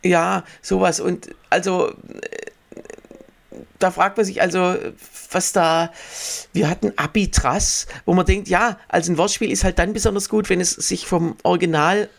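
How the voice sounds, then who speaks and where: A man's voice: sits high, steady tone, normal speed, vocal fry. A man co-hosting a casual podcast chat, dry and ironic, often laughing between his points. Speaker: podcast co-host.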